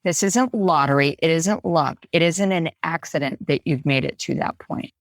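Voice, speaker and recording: A woman's voice: deep voice, normal speed, no room sound. A woman who works as an FBI applicant coordinator and recruiter, earnestly answering listener questions on a podcast. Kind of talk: podcast Q&A advice.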